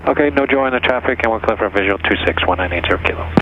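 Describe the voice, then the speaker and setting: A low-voiced male pilot makes brisk radio calls to air traffic control. The pilot headset radio sound is dull, with noise running through it. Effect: aviation radio, pilot headset sound. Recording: muffled noisy cockpit radio transmission.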